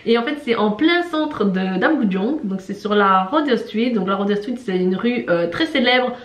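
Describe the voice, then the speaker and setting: A woman with a medium-pitched voice and lively intonation talks at normal speed in a reverberant space. Co-hosting a travel vlog, she acts as a casual, chatty guide, using many fillers and laughing at herself.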